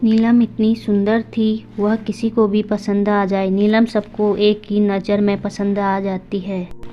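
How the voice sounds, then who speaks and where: A woman tells a story in a plain, even storytelling voice of middle pitch with little rise and fall. The narration sounds dull and lo-fi. Soft music plays underneath. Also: slow.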